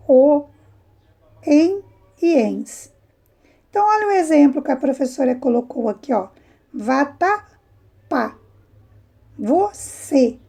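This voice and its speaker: A woman's voice: sits high, vocal fry, dark tone. A woman, a primary school teacher giving a remote lesson to young children, explaining patiently with rising prompts.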